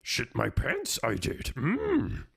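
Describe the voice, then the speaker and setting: A man doing a gravelly, deadpan sound-clip voice. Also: mid-range voice, slow, full character voice.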